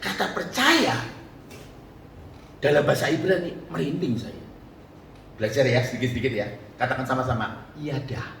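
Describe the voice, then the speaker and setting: A man's voice: medium pitch, lively intonation, normal speed, gravelly, long pauses, a bit bright. A man preaching a sermon as pastor, joking and often asking the congregation questions. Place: church hall. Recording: distant, echoey church hall with faint noise.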